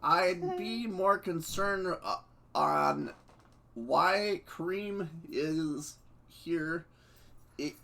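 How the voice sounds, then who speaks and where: Give me a sarcastic young fox read by a man, slow and bright. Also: high voice, gravelly, voice pushed up, full character voice. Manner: stuttering, flat reading.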